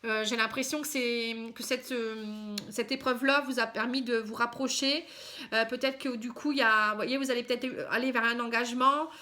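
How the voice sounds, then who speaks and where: A woman giving a casual tarot reading to camera, halting, with many fillers and a frequent "hein". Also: fairly high pitch, fairly even intonation, bright, forceful tone. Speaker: tarot card reader.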